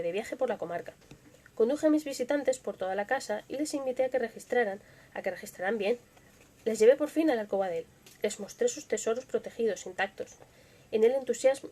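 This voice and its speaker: A young woman with a Spanish accent from Spain, hosting a live stream and reading stories in a soft, expressive voice that sometimes drops to a whisper. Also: fairly high pitch. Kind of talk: dramatic story reading with casual chat.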